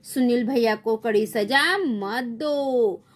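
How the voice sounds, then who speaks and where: A woman voicing a small boy who cries and pleads in a slow, whining way, in a storybook reading. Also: fairly high pitch. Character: crying little boy Anil who whines.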